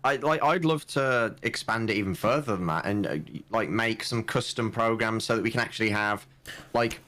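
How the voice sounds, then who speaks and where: Man, Brummie accent, podcast co-host, casual chat, deadpan. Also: on the low side, normal speed. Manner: laid-back, deadpan.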